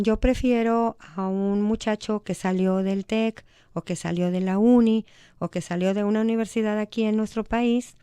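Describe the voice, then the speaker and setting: A Mexican woman talks earnestly as a radio guest, her voice smooth and mellow. She sounds conversational and sometimes slips into quoted voices. The studio sound is dry and close. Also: medium pitch, dry recording. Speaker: human rights advocate guest. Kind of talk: radio talk show discussion. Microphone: studio microphone.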